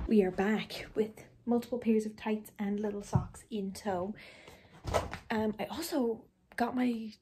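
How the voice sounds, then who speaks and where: A woman's voice: fairly high pitch, mellow, a little hiss or hum. Chatty young woman vlogging. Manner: chatty, rambling, many fillers. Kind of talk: casual vlog chat. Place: in a car, then at home.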